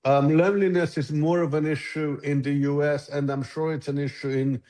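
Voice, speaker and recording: A Hungarian-born app founder in his sixties is the guest in a conversational interview, answering thoughtfully and frequently restarting his sentences. His voice is a little high and a bit darkish, steady in tone and slightly fast, captured in a low-quality recording.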